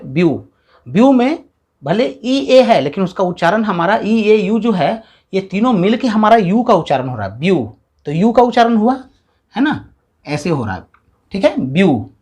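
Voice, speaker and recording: A man gives a step-by-step video grammar lesson. His pitch swings widely as he talks, and he drags out syllables to sound them out. He often checks in with his listeners. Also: very animated, moderate pace, a little mellow, slightly rough. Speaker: English grammar teacher. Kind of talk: classroom-style video lesson.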